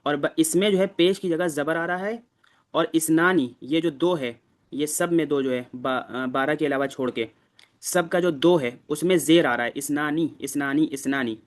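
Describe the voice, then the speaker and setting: Patient male teacher. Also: on the high side. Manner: patient, explaining step by step. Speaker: Arabic teacher. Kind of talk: classroom lesson.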